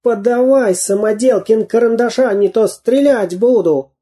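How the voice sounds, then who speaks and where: A narrator voicing a sneaky storybook spy who eggs on the fight in a shrill, high voice. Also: measured pace, warm tone, natural voice. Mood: threatening. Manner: shrill, egging others on. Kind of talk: audiobook character voice.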